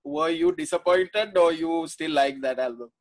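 A man's voice: on the high side, lively intonation, normal speed, gravelly. A man hosting a podcast, asking questions in casual chat and often restarting his sentences. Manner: restarts questions, frequent listening sounds. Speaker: podcast host.

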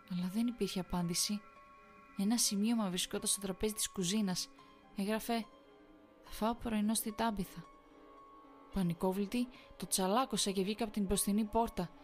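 Woman narrating a horror story. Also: mid-range voice.

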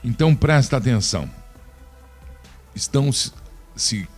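A man's voice: medium pitch, expressive, measured pace, darkish tone, husky, faint music behind. A man from Brazil giving opinionated political commentary, indignant and scornful, talking straight to his listeners.

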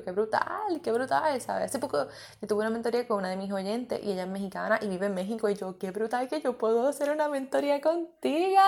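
A woman, hosting a casual podcast monologue as a mindset coach, candid and expressive, dropping in English words and swearing freely. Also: mid-range voice, gravelly.

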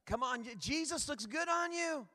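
Male preacher, very high tense voice, calls out to the crowd, church hall echo. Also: normal speed. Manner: energetic, rambling, calls out to the crowd. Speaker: guest preacher. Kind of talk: lively church sermon. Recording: long hall reverb.

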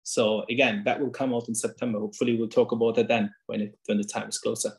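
A man whose first language is German speaks earnestly in a casual interview from his kitchen table, appearing as an author and guest. His voice is lowish, level in tone, fast and creaky, with frequent fillers and restarts.

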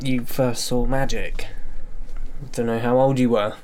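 Guy in a casual chat, middle pitch, thoughtful, rambles and restarts a lot. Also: level tone, a little slow, a little mellow. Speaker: podcast co-host, magician. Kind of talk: casual chat about magic.

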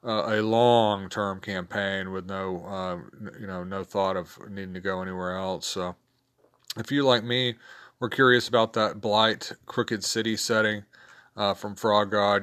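A man hosting a casual solo podcast, sounding weary and worn down, talking in an informal, halting, rambling way. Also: on the low side, steady tone, fairly bright tone, clear, resonant tone. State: weary, worn down from a sore back. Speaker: podcast host.

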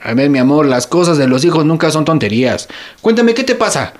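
His voice is a little high, expressive and a touch fast, and it sounds natural. In a sketch, this actor with a Mexican Spanish accent plays a hungry father who kids around as he tries to soothe his daughter, whining in a jokey, overblown way.

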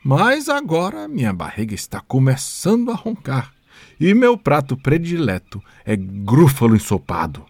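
A man's voice: medium pitch, huge pitch swings, a little slow, darkish tone, no room sound, exaggerated voice. A man reading a storybook aloud and voicing a small, clever, boastful male mouse in a perky, raised voice. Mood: cocky.

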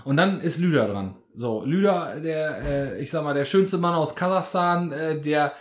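A man's voice: fairly high pitch, expressive, normal speed. A man hosting a podcast in a casual chat, joking, teasing and rambling. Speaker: podcast host.

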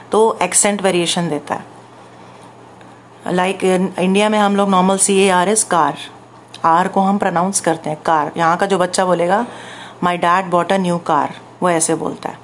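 A woman with an Indian accent, an English language trainer answering interview questions in a measured, explanatory way. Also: lowish voice, slight background noise.

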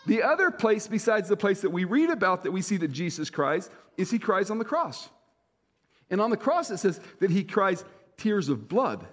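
Male senior pastor, high pitch, conversational sermon delivery, long reverb tail. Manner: conversational storytelling, repeats phrases for emphasis.

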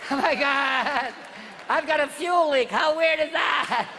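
A male comedian on stage voicing an angry driver whose voice has turned into a squeaky chipmunk voice from helium. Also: slow pace, vocal fry, pushed and bright, a faint crowd, slight background noise, full character voice. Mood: shrill outrage. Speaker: stand-up comedian. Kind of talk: stand-up routine.

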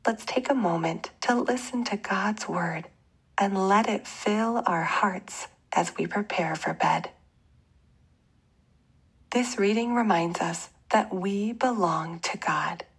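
Soft breathy woman, very slow bedtime prayer. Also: medium pitch, low-quality recording. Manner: slow, gentle, measured. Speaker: guided bedtime prayer leader. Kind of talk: guided bedtime prayer and scripture meditation.

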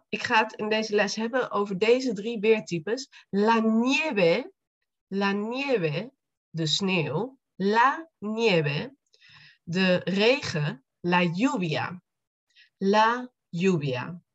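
A woman teaching Spanish in a podcast lesson, explaining slowly and repeating each phrase. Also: medium pitch, highs cut off.

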